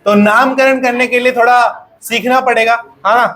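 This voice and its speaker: A man's voice: very high-pitched, fairly even intonation, normal speed, bright, forceful tone. A male teacher lecturing a classroom of pupils, often asking questions and repeating the answers.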